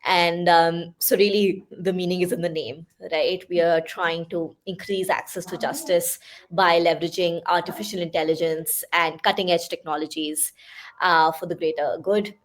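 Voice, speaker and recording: Her fairly low voice stays steady at a moderate pace. She's a young Indian English speaker whose native language is Hindi, a podcast guest in a conversational interview who reflects thoughtfully on her path with frequent fillers and asides.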